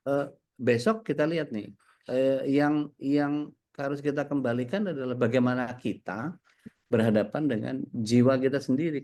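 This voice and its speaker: A man speaking as a cleric in relaxed, conversational religious talk, often pausing with fillers and turning to the audience. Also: medium pitch. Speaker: cleric and co-host.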